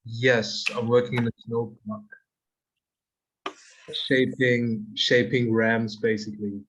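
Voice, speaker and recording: A man in his twenties talking casually on a video call, hesitant and flat. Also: medium pitch, takes it slowly, a little hiss or hum. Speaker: permaculture project partner. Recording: dull, muffled video call audio.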